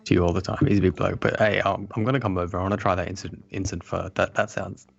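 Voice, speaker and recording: A man's voice: sits low, little pitch movement, quick pace, gravelly, slightly rough. A man co-hosting a podcast, chatting in a laid-back way and repeating himself. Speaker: podcast co-host. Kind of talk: casual chat. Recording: dull, lo-fi sound.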